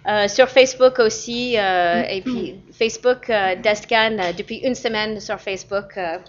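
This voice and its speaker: A woman giving an informational presentation for an embassy, halting, with frequent fillers and repeated words. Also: mid-range voice, highs cut off.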